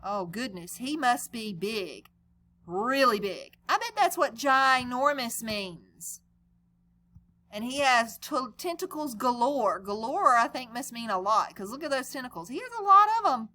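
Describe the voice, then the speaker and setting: A woman storyteller and teacher reads a picture book aloud to young listeners, chatting conversationally with questions and explanations. Her voice is a little high and sing-song, with a bright, forceful tone, and she speaks a little slowly.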